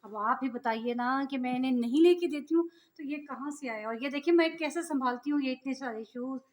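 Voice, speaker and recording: A woman's voice: high voice, brisk, a little mellow. A middle-aged woman from Pakistan vlogging casually, talking to her viewers in an exasperated, complaining way. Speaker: vlogger, mother. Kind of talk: casual vlog monologue.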